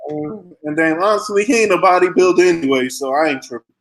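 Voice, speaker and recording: A man's voice: on the high side, quick pace, faint music behind, rough recording. A man co-hosting a casual boxing chat, throwing in profane, laughing side comments. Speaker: podcast co-host.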